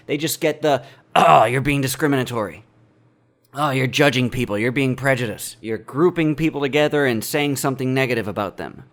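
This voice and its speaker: A man delivering a deadpan, mock-serious satirical monologue as a vlogger. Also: medium pitch.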